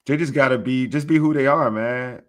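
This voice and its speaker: A man with a mid-range voice hosts a laid-back sports podcast. He talks in an animated, hyped way, swinging between loud excitement and quiet asides, and he keeps repeating phrases and ending them with "man". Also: medium pitch, normal speed. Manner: animated, hyped, repetitive, tags lines with "man". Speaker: podcast host. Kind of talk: casual sports podcast chat.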